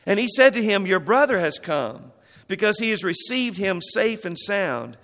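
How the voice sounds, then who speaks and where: A man's voice: high voice, very animated, normal speed, fairly bright tone, long reverb tail. A man preaching a sermon. He reads scripture passages aloud and then explains them.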